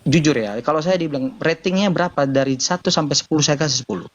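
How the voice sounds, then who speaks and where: This man talks fast at a fairly high pitch, earnestly laying out his views as a convert in a relaxed live stream. He keeps addressing listeners as brothers with "saudaraku." There's no echo, though the highs are cut off.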